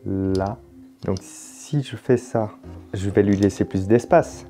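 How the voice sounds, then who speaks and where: A man's voice: fairly low pitch, takes it slowly, mellow, faint music behind. A French man hosting a puzzle video, thinking aloud casually as he works, with jokes and mild swearing. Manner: casual, swears in surprise, jokey.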